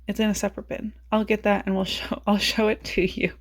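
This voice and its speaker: Her voice fading into rasp, a woman beauty vlogger chats loosely about her makeup, thinking aloud with self-mockery. She speaks fairly quickly in a mid-range voice with a flat delivery.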